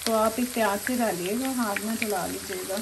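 A woman's voice: mid-range voice, moderate pace, noisy background. A woman hosts a home-remedy tutorial in her kitchen. She talks in a chatty, instructive way into a handheld phone camera while she cooks at the stove. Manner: chatty, instructive, often says "okay" and "come on". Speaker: channel host giving home remedies. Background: frying and sizzling.

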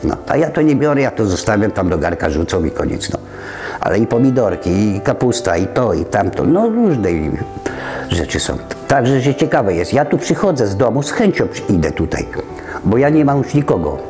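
A man's voice: lowish voice, very animated, moderate pace, music in the background. An older man from Poland, chatting casually in an interview as he walks around a community center, rambling and breaking off mid-word. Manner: rambling, chatty, trailing off and restarting. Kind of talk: casual conversation.

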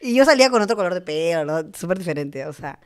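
A woman's voice: fairly low pitch, expressive, quick pace. Chatty young woman guest. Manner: chatty storyteller, lots of "o sea" and "¿no?". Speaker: podcast guest. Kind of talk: casual interview chat.

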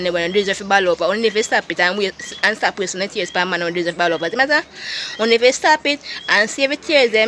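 A woman with a Jamaican accent speaking passionately to her vlog audience, preachy and rising loud when heated. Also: fairly high pitch, slight background noise. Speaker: vlogger. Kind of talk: casual monologue to camera.

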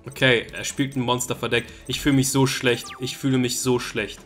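A young man hosting a gaming video, giving excitable, exasperated commentary and repeating his phrases over and over. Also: medium pitch, brisk. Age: young adult. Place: indoor gaming room on camera. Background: game music.

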